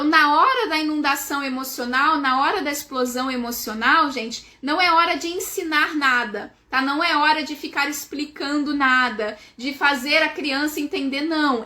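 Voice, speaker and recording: A woman with a Brazilian Portuguese accent speaks in a high, bright voice during a live talk for parents. She explains things patiently, keeps calling out to her listeners and checks in with a quick "tá?" as she goes. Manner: warm explaining, addresses "gente", frequent "tá?" checks. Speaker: parenting educator.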